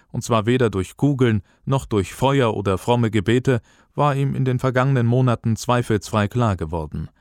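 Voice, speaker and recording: A man narrating an audiobook in a measured, calm storytelling voice. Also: on the low side, no echo, studio quality. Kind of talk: scripted narration.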